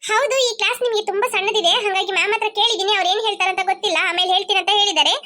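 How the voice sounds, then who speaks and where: A woman voicing a patient, motherly class teacher in a cartoon, gently instructing and scolding her pupils. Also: extremely high pitch, steady tone, rapid-fire. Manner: chatty, gently scolding, keeps asking "okay?". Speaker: schoolteacher. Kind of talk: cartoon voice acting. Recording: light children's music behind.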